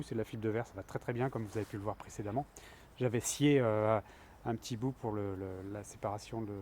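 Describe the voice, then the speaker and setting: A man talks casually as he works on a van outdoors, thinking aloud and filling his pauses as he goes. His voice sits at an ordinary middle pitch. Faint outdoor noise hums behind him. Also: a little mellow. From France. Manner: chatty, thinking aloud with fillers while working. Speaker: van builder. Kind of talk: casual DIY vlog narration.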